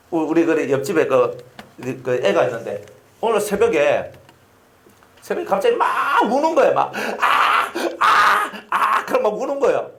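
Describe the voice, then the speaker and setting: A male pastor with a Gyeongsang accent preaches in a lively, sing-song voice that leaps up and down. He tells his stories with sound effects and keeps putting questions to the congregation. His voice echoes through a roomy hall. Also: a little high. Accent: Gyeongsang Korean. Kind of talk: sermon.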